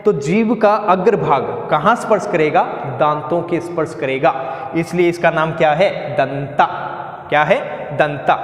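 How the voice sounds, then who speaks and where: A male teacher with a fairly high voice gives a coaching lesson, drilling letter sounds and asking the class questions he answers himself. His voice rings around a bare, echoey room with a long reverb tail. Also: measured pace. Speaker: Hindi grammar teacher.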